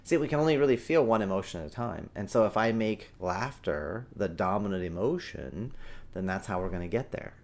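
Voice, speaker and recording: A man in his thirties hosting a parenting show, giving emphatic, animated advice that swings between loud and hushed. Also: fairly low pitch, a little fast. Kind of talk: energetic parenting advice talk.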